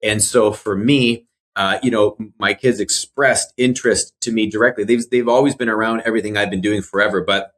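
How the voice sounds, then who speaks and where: A man in his forties speaks in a lowish, steady, slightly bright voice at a fairly quick pace. He's a mortgage broker appearing as a guest in a casual interview, earnest and reflective, repeating words as he thinks.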